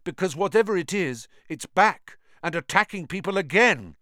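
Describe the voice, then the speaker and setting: Scared young wizard kid voiced by a man, pitched way up, breathless and urgent, dry close sound. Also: animated, normal speed, sharp tone, no room sound. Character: frightened young schoolboy wizard, desperate.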